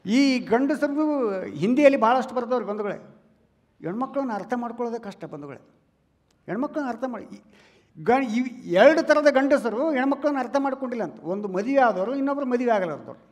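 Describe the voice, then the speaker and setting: A man with a North Karnataka Kannada accent doing stand-up comedy on stage, chatting loudly with the crowd and calling them relatives. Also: very high voice, expressive, brisk. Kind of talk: stand-up comedy before a live audience. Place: stage in a large hall. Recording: long hall reverb.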